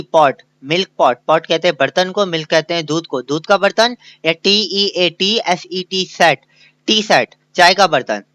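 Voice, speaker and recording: A male kindergarten teacher, walking through a worksheet, spelling each English word letter by letter and translating it, slowing down to model sentences. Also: on the high side, bright, forceful tone, dry recording. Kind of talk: recorded worksheet lesson.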